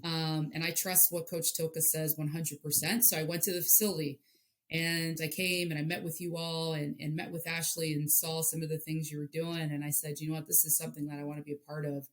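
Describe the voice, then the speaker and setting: A woman in her forties from Hawaii, a softball head coach answering interview questions earnestly and often repeating words. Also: deep voice, flat delivery, fairly quick. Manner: earnest, repeats words while searching for them. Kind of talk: interview guest.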